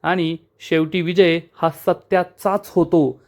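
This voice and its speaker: A man's voice: on the high side, flat delivery, slow. A man retelling a TV serial episode plot step by step as a storyteller, addressing listeners as friends.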